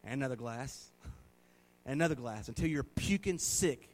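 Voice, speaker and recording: A man's voice: medium pitch, expressive, moderate pace. A middle-aged man preaching a sermon in a folksy, conversational way, asking the congregation questions. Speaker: pastor.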